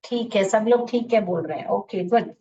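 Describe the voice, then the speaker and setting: In a live online phonics class, a woman with a warm, medium-pitched voice sounds out letters one at a time, drilling them slowly and blending Hindi explanations with English words. The audio is dull, distant, and lo-fi.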